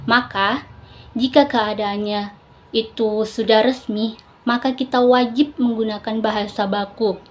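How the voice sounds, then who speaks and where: A young adult woman, a university biology student, presents an assignment from a script, adding explanatory asides. Her voice is a little high, with a steady tone and measured pace.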